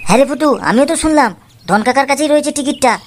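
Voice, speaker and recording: A woman's voice: sits high, racing, natural voice. A woman voicing a fretful cartoon boy sidekick. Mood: secretive.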